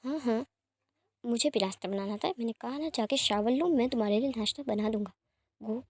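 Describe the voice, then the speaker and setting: A woman voicing a calm, protective young man who speaks in a measured, soothing way. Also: a little high, no room sound.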